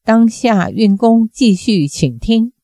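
A woman reading a martial arts novel aloud as a storyteller, raising her pitch for the characters' lines. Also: slow, dry recording, studio quality. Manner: lively reading with raised pitch for quoted characters. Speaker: audiobook narrator.

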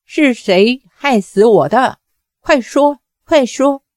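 A woman's voice: on the high side, lively intonation, unhurried, darkish tone, no echo. A fierce young swordsman barks out harsh demands, as a woman narrator puts him on. He sounds desperate and enraged. The dry, close sound gives it no room around it. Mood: furious.

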